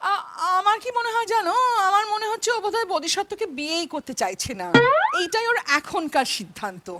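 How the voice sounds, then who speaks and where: Weepy Kolkata mom played by a woman: very high, bright, swooping voice, pleading and whiny. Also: expressive, fast, very noisy. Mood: tearful scolding. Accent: Kolkata Bengali. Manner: pleading, whiny, near tears. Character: anxious, tearful mother of the bride, pleading wife. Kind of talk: theatre play reading.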